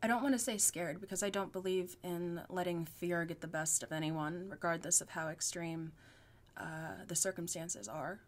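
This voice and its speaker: A young woman talking to her channel in an unscripted vlog, rambling and halting with fillers, often laughing at her own words. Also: on the low side, steady tone. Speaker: YouTuber.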